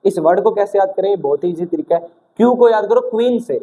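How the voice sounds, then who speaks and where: Man, high pitch, mellow tone, exam vocabulary teacher, asks and answers own questions. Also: a little fast, rough recording. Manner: asks questions and answers them himself, call-and-response; acts out little stories with shouted quotes. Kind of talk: energetic classroom-style video lesson.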